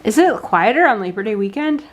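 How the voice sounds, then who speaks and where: A woman's voice: a little high, expressive, brisk. A woman musician chatting casually between songs, teasing her partner with dry, joking remarks. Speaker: musician hosting a live stream. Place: San Francisco home.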